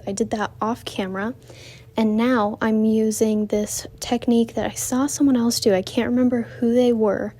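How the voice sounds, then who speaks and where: A woman with a mellow, higher-side voice gives a chatty, rambling voice-over about her drawing process as an art vlogger. She keeps correcting herself and sounds winded because she's walking while speaking.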